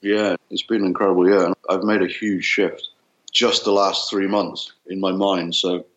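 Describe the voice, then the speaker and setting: A man from the UK, a wedding photographer guest with a deep bassy voice, hung over, chatting casually and laughing easily in an interview. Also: little pitch movement, normal speed, fairly bright tone, roomy sound, highs cut off. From United Kingdom.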